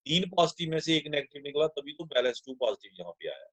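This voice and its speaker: A man's voice: on the high side, very animated, fast, fairly bright tone, breathy edge, dry recording, poor audio. A man teaching a chemistry class in a lecture style, explaining each step and asking his students questions that he then answers himself. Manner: addresses students as children. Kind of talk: classroom lecture mixing Hindi and English.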